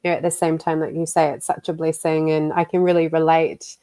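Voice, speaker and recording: A woman's voice: low voice, level tone, a little fast, mellow, no room sound. A young woman from New Zealand co-hosting a podcast, chatty and relating, full of likes and you-knows. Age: young adult. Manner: chatty, relating, many fillers. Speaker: podcast co-host. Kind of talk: casual podcast interview.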